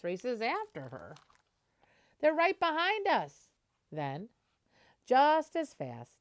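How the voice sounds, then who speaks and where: A woman with a mid-range voice reads a children's picture book aloud in an animated way, pausing along the way to explain and translate.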